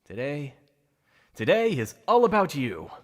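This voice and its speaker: Here a man acts out a bragging, playful supervillain for ASMR roleplay, with a secret obsession lurking under the performance. His voice sits on the high side, the pitch swooping wildly, and he takes his time. The mood is gloating showmanship, delivered in a mocking, showy, playful way.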